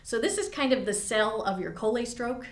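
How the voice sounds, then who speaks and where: A woman's voice: fairly high pitch, animated, moderate pace. Woman teaching viola in echoey studio. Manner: encouraging, explains with imagery. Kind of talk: instructional lesson with demonstration. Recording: echoey room.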